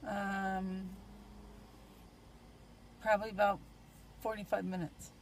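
A woman's voice: medium pitch, flat delivery, slow pace. A middle-aged woman casually asking questions, like a mother checking on her child. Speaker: mother looking after her son. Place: inside a car. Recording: background noise, slightly off-mic in car.

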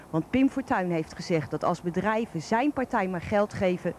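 A woman's voice: fairly low pitch, a little mellow. A middle-aged woman with a broad Rotterdam Dutch accent, reading an opinion column aloud in a blunt, colloquial, colourful manner. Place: outdoors on a park bench. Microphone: handheld microphone held close. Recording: faint outdoor background noise.

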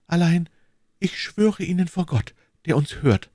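A man's voice: a little high, animated, a little slow, mellow, no echo, studio quality, pitched above the performer's own voice. A man playing a frightened young woman. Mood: anxious. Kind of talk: audiobook reading, acted dialogue.

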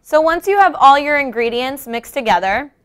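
Her high, slightly bright voice is expressive and moves at a moderate pace. She's a young adult hosting a cooking lesson indoors in a home-style kitchen. Speaking conversationally, she walks the viewer directly through every step.

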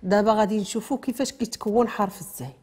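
A woman's voice: mid-range voice, racing, a little mellow, slightly rough. Moroccan woman teaching a pronunciation lesson. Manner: explains step by step, asks and answers her own questions; mixes formal terms with colloquial speech. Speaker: tajweed teacher.

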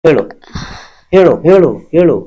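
A man's voice: fairly high pitch, normal speed, mellow, poor audio. A man leads a ritual session as a spirit healer. He presses with short commands and questions, repeating them again and again without letting up. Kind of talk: ritual interrogation.

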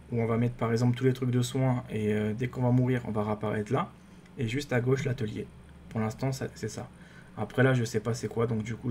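A man giving casual, rambling commentary on his game, excitable and full of fillers and restarts. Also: medium pitch, a little hiss or hum. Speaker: gaming YouTuber.

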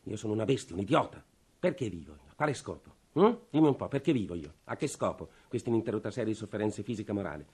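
An actor playing a desperate, worn-out middle-aged state official with a breathless, pleading manner, in 1950s radio drama. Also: male voice, lowish voice, lively intonation, fast, darkish tone, breathy edge. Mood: ranting. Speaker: worn-out family man begging for a revolver.

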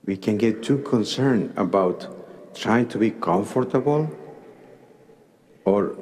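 A man in his sixties with a Mexican Spanish accent, an archbishop preaching a homily slowly in short deliberate phrases at a cathedral pulpit microphone. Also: fairly low pitch, darkish tone, a little hiss or hum. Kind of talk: sermon. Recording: long cathedral reverb.

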